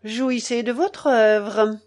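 A woman's voice: fairly high pitch, fairly even intonation, drawn-out words, a little mellow. A woman reading the lines of an indignant, theatrical male tutor. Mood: cold. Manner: theatrical, reproachful.

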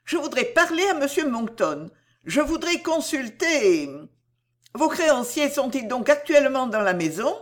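Earnest young heroine, high, lively and pleading, voiced by an audiobook reader. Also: normal speed. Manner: pleading, emphatic. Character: earnest young woman, compassionate and resolute. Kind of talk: audiobook reading.

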